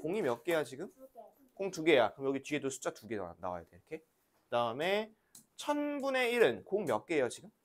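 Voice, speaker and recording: Woman, elementary teacher, classroom math lesson, patient coaxing questions, very lively pitch. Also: fairly quick.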